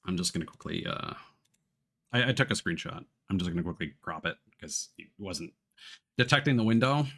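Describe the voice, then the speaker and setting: Setting up a game stream indoors, this let's play host chats with viewers and thinks aloud, slangy and occasionally profane, close to his desk mic. His low-pitched voice is animated, slightly fast and a bit bright.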